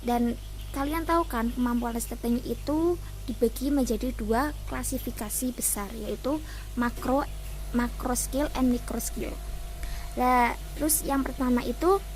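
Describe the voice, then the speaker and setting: A woman's voice: on the high side, measured pace, a little hiss or hum. A young woman from Indonesia giving a casual class presentation as a student, hesitant, with many fillers and restarts. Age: young adult.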